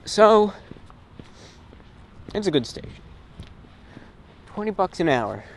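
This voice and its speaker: Walking outdoors, a man who hosts his own radio and online show muses in a loose, rambling string of short phrases. His high-pitched voice is very animated but he takes his time, and clear ambient sound is audible in the background.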